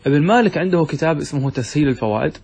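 Fast-talking, husky male grammar teacher. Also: fairly high pitch, animated, darkish tone. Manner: reads a text aloud, then explains it with questions he answers himself. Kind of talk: classroom lesson.

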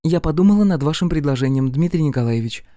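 A man's voice: fairly high pitch, expressive, fast talker, warm tone, dry recording, studio quality, pitched above the performer's own voice, close to an everyday voice. A man voicing a sweet but vengeful young woman student, chirping her words. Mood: coy.

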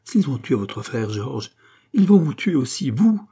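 A man's voice: medium pitch, animated, measured pace, warm tone, breathy edge, pitched above the performer's own voice. A man reading an audiobook who voices a passionate, desperate young peasant woman, pleading and breaking into cries. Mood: anguished.

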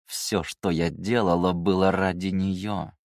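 A man's voice: sits low, normal speed, dry recording, studio quality. A man reading the lines of a haughty, scheming woman and mother, speaking in a cold, clipped way with barely held rage. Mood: curt.

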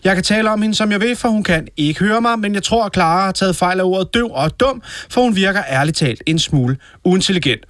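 A man voicing a smug, tactless woman radio host who speaks in a patronizing, deliberate way. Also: sits high, expressive, a bit bright, no echo, clean studio sound. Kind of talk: sketch comedy.

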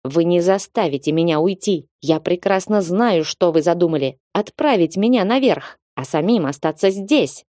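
A woman's voice: fairly low pitch, animated, normal speed, hardly any pauses, dark tone, dry recording, studio quality, close to an everyday voice. A woman voicing a drunk, jealous young male viscount who rants and accuses in an audiobook. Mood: ranting. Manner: slurring, accusing, ranting.

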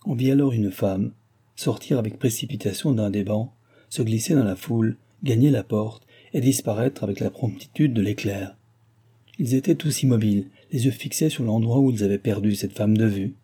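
A man reading a classic novel aloud in a steady, measured narration. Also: lowish voice, husky. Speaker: audiobook reader.

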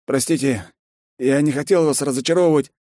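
Man doing a jittery deferential general, pitched up, strained, audiobook. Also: a little fast, mellow, no echo, studio quality, natural voice. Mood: nervous. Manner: anxious, deferential, reporting. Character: stout middle-aged general, nervous, servile.

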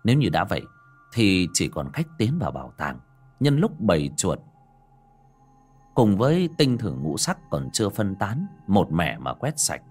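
A man's voice: sits low, wildly swooping pitch, unhurried, a little mellow, husky. A man narrating a horror-fantasy audiobook in a dramatic, scripted storytelling style. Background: background music.

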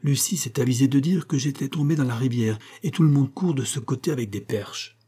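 A man voicing a mischievous, bold little girl in a storybook reading, lifting his pitch and coaxing. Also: brisk, breathy edge, natural voice. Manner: lively, coaxing, raised girlish pitch.

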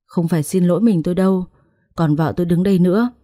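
A stern, blunt young husband in a storybook drama, as a woman narrator puts him on. He speaks curtly in a low, mellow voice, recorded dry and close. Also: fast talker, dry recording, close to an everyday voice. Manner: stern, curt.

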